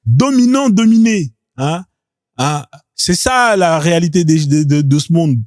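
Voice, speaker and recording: A man's voice: fairly high pitch, a little slow, dry recording, clean studio sound. A man hosting a live stream in casual commentary, talking bluntly and crudely, often tossing out a rhetorical "hein?".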